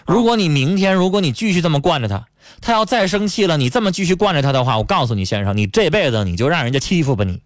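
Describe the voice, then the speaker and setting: A man's voice: a little high, big pitch swings, fast talker, no room sound, clean studio sound. A man hosting a radio call-in advice show, bluntly scolding and lecturing callers. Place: radio studio.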